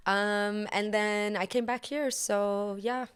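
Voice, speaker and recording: Smooth-voiced relaxed woman guest. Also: medium pitch, slow pace. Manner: relaxed and upbeat, frequent fillers and laughs. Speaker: guest, entrepreneur and yoga instructor. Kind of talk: casual interview chat.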